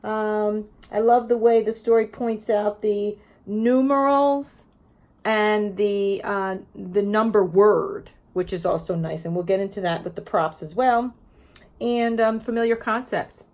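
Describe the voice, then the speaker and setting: A woman teacher with a medium-pitched, slightly mellow voice speaks unhurriedly while reading a children's picture book aloud. Her lesson is informal and explanatory, part of educational read-aloud videos made for teachers.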